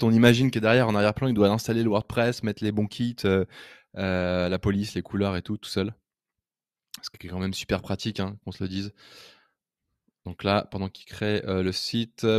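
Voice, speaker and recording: A man giving a casual, enthusiastic screen-recorded software demo as a web design trainer, chatty and full of hesitant fillers. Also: deep voice, no room sound, clean studio sound.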